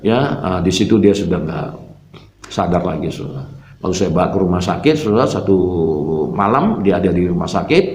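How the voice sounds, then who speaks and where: A low-voiced male pastor tells his testimony earnestly, turning to his listeners after almost every phrase. The room is roomy and echoey around his voice. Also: animated, a little fast, a little mellow, slight background noise. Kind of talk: personal faith testimony. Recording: roomy echo.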